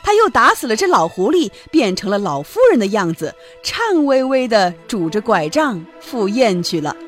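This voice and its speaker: A woman narrating a children's story in an expressive, lively way. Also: on the high side, normal speed, faint music behind.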